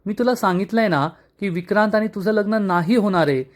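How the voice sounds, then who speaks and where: A resolute young woman reassures her friend in a firm, soothing tone, as a man reads her part. Her voice sits a little high and stays steady and determined. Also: fairly quick, close to an everyday voice.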